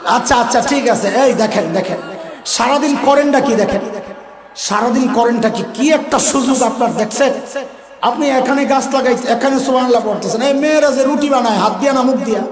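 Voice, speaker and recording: A man delivers an animated sermon in a strikingly high voice, calling questions out to his listeners. He slows into drawn-out chanting for Arabic verses. The recording is roomy and echoey, with a crowd audible around him. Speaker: preacher.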